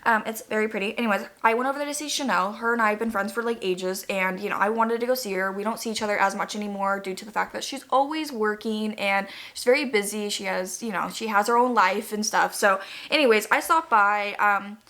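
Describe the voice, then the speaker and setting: A woman's voice: mid-range voice, a little fast, hardly any pauses, sharp tone. A young woman telling a personal spooky story casually, in a chatty, rambling way with "like" scattered throughout.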